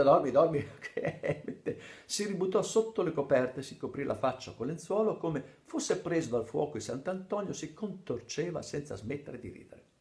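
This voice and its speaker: A middle-aged man from Italy reading his own story aloud with theatrical storytelling, acting out the quoted voices and dropping to hushed asides. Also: mid-range voice.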